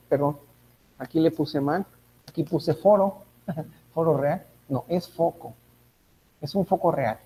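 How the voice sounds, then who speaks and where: A man's voice: on the high side, dark tone, a little hiss or hum, low-quality recording. A man teaching a physics class, thinking aloud, correcting himself and checking in with his students. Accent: Mexican Spanish. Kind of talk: online class lecture.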